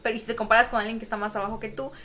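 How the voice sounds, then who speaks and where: Fast-talking chatty woman. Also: a little high. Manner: quick, lively, chatty. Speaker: guest, independent musician. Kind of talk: casual interview chat.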